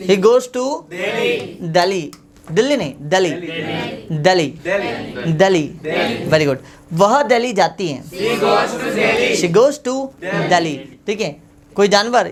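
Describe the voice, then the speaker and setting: Her mid-range voice leads a slow English grammar drill, each sentence said again so the students can echo it, and she fondly scolds them as kids. The classroom is packed, and the recording catches a loud chorus chanting the answers.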